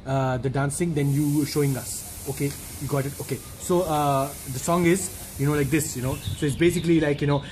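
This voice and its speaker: A man, playing a flustered, pretentious dance choreographer in halting, repetitive broken English. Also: a little high, fairly even intonation, a little mellow. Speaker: comedian playing a song choreographer. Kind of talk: comedy sketch monologue. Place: outdoor walled yard. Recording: noisy outdoor camera audio.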